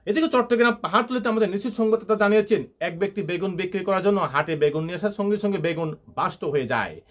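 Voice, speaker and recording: A man playing a parody news anchor, reading absurd bulletins with mock seriousness. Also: on the high side.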